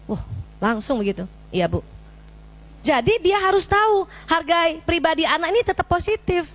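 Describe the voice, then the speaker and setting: A middle-aged woman, giving a parenting talk to an audience of mothers in a lively, animated way, acting out dialogue. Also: brisk. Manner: lively, animated, acts out dialogue with sudden pitch jumps. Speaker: parenting speaker.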